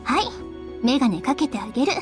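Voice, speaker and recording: A seductive, teasing teacher in a visual novel game. She speaks high, lively and quick, with a sing-song playfulness. Soft music plays faintly behind her. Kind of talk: anime game voice acting.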